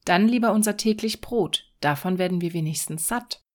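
A woman's voice: fairly low pitch, moderate pace, a little mellow, close to an everyday voice. A woman voicing a poor, modest fisherman in a fairy-tale reading, in a plain, sensible tone. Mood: plain, hopeful.

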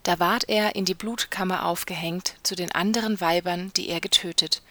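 Hushed woman reading a fairy tale. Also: on the low side, steady tone, normal speed, no room sound. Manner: hushed, often dropping to a soft whisper. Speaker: storyteller.

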